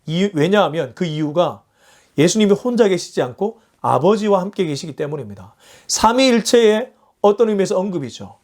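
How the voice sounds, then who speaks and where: A pastor with a notably high voice preaches a morning sermon. He reads scripture and then unpacks it earnestly in simple, conversational words. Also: a little mellow. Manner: earnest, explains verses in plain everyday terms. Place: church or small studio for an online morning service.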